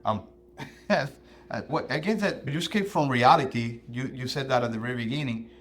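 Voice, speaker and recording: A man co-hosting a casual podcast chat, speaking in a passionate, animated, somewhat preachy way. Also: medium pitch, normal speed, a little hiss or hum. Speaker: podcast co-host.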